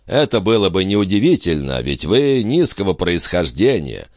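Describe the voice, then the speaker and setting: A man's voice: sits low, very animated, moderate pace, dry recording, clean studio sound. Man doing a smug pompous schemer. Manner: pompous, sanctimonious. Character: smug pompous scheming husband, self-important.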